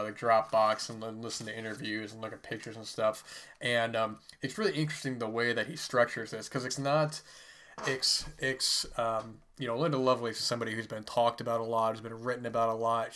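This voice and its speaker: A podcast host with a mid-range, fairly bright voice is sick and stuffy as he casually reviews a book. He rambles, using lots of fillers.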